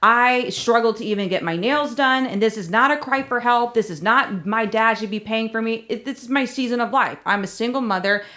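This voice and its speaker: A woman's voice: mid-range voice, a bit bright. A middle-aged American woman chatting casually as a podcast co-host, venting candidly and emphatically with rhetorical questions.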